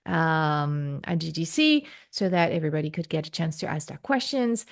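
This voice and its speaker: A woman hosts an online meetup over a video call. Her voice sits a little low and has a gravelly edge. She talks in a friendly way, with many "uh"s between her phrases. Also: darkish tone. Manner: friendly, filler-heavy speech. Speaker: host, game UX consultant. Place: at home, on the US West Coast.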